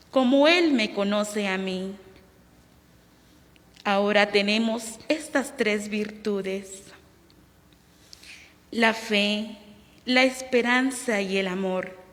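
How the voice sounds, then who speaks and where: A woman reading scripture as a lector at Mass, solemn and measured, in an echoing church. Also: mid-range voice. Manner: slow, measured. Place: large church. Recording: echoing church, long reverb.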